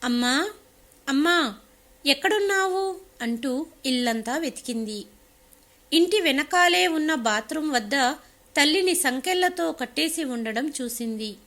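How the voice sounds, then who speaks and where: A woman narrating a domestic family story in a steady storytelling voice. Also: high voice, unhurried.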